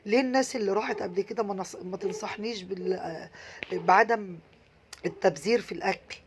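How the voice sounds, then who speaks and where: A woman with an Egyptian Arabic accent giving casual, earnest travel advice, animated and repeating herself for emphasis. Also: mid-range voice, quick pace, slight background noise.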